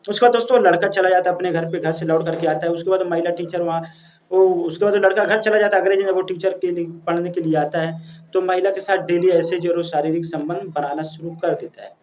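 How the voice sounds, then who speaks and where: A man's voice: sits high, fairly even intonation, fast, a little mellow, a little hiss or hum. A man narrating a story in a casual, chatty way, addressing his listeners as friends, with frequent restarts and fillers.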